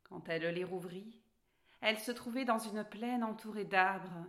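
A woman reading a children's storybook aloud in a slow, expressive way, stressing key words. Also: mid-range voice.

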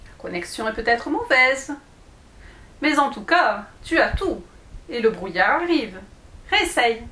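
A small storybook dwarf, voiced by a woman reading aloud, calm and unflappable but quick to scold. His lines move around in pitch and come out slowly and deliberately. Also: roomy sound, full character voice. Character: small male dwarf, calm and a bit impatient.

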